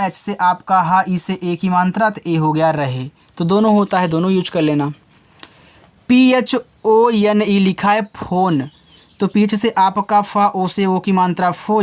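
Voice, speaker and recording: A male teacher giving a spoken lesson to children, slowly spelling out letters one by one and then patiently explaining each sound, often calling his listeners children. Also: high voice. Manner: addresses the viewers as children.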